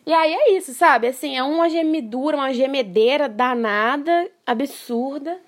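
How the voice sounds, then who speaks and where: A woman hosting a podcast, telling a story in a lively, emphatic way and laughing often. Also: high-pitched, normal speed. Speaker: podcast host. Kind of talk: casual storytelling chat.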